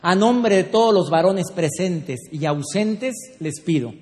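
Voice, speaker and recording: Casting: man, humorous couples speaker, playful and teasing, high-pitched voice in a roomy hall. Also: animated, a little slow, darkish tone. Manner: playful, teasing, acts out scenes. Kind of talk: humorous talk to a live audience. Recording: echoey hall with faint background noise.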